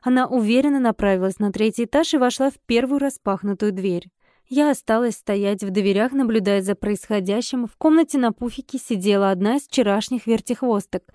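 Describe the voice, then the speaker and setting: A woman narrating a first-person fantasy audiobook in an expressive, wry manner. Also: on the high side, dry recording, studio quality.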